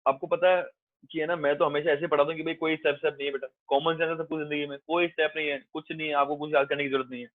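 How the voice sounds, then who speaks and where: Guy teaching accounts, kinda high voice, tinny phone-ish sound, keeps reassuring the class. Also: little pitch movement, very fast, dry recording. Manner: coaxing, calls students 'beta', reassuring and repetitive. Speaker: commerce teacher. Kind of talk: classroom lecture.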